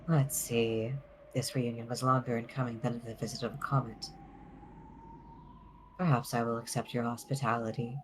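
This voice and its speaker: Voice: mid-range voice, little pitch movement, moderate pace, pauses often, a little hiss or hum, lightly acted. A performer voicing a composed elder witch teacher, formal and commanding, in an amateur visual novel dub. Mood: composed, severe.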